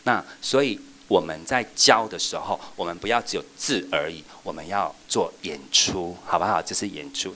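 A man training children's church teachers in a workshop, playful and lively, acting out examples as he goes. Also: low-pitched.

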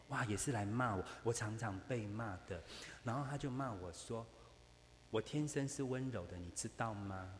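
A man teaching a Bible class to women, joking and constantly asking the class rhetorical questions. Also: lowish voice. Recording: echoey hall with faint hum.

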